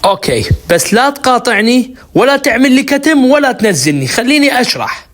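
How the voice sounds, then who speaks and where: A man speaks at a rapid clip as a caller in a religious debate. He is insistent and keeps pressing for room to explain his side. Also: extremely high pitch, sing-song, fairly bright tone. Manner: insistent, pleading for a chance to answer.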